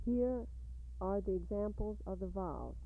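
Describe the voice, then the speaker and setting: A woman reading a scripted linguistics lesson in a measured, deliberate way, heard on an old tape recording. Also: mid-range voice, dark tone, poor audio. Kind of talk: scripted educational narration.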